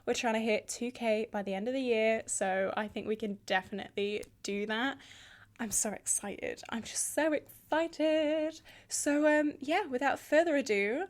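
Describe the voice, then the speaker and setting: A woman in her twenties chatting casually as a beauty vlogger, with a bubbly, enthusiastic, rambling manner. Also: fairly high pitch.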